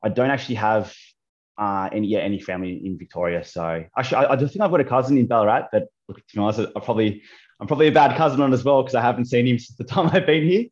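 Rapid-fire and casual, an Australian podcast guest in his 30s chats over a call while hesitating, filling pauses, and restarting often. He has a mid-range voice with a darkish tone, in dull-sounding audio.

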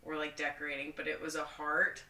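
A woman co-hosts a casual podcast in a bright, fairly low voice. She is blunt and sardonic and swears freely. The room echoes around her. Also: monotone, a little fast. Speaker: podcast co-host. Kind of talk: casual chat. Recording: roomy echo, slightly distant mic.

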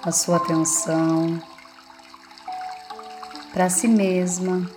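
Slow, low-toned woman guiding meditation, Brazilian accent. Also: level tone, music in the background. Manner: soothing, unhurried, with lingering pauses. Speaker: guided meditation instructor. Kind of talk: guided meditation narration.

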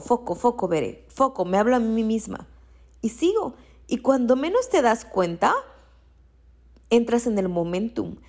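A woman's voice: mid-range voice, creaky, a little mellow. A woman with a Mexican accent, a coach for women entrepreneurs, giving motivational podcast talk in an encouraging way and repeating her key phrases.

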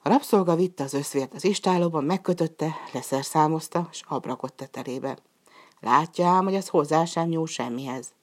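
A deep-voiced woman narrates a folk tale in a calm, storybook reading style, raising her voice for the characters' lines.

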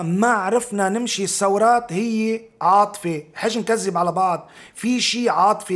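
A man's voice: high-pitched, a bit bright. A man with a Lebanese accent in an informal political discussion, talking emphatically with repeated phrases and rhetorical questions.

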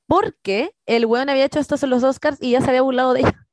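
Chilean woman, lively gossipy storyteller, slightly high voice, dry close mic. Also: fast talker, no room sound. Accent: Chilean Spanish. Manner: slangy, storytelling, acts out quotes. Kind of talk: casual chat.

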